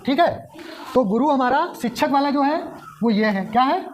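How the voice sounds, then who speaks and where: A woman's voice: high-pitched, lively intonation, normal speed, a little hiss or hum. Woman teacher quizzing her class. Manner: repeats questions to the class, answers them herself. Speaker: Hindi teacher. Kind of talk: explaining at a whiteboard.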